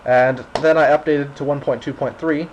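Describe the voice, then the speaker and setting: A man's voice: a little high, steady tone, normal speed, lo-fi sound, slight background noise. Chatty rambling man playing a game. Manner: chatty, rambling and self-mocking. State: a little tired late at night. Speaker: gaming video host. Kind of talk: casual game commentary.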